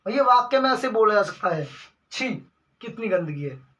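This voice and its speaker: A man's voice: high voice, lively intonation, moderate pace, bright, forceful tone. A young man teaching a Hindi grammar lesson for exams, asking the class questions, answering them himself and calling the listeners brother. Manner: calls the listeners brother again and again. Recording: dull lo-fi recording.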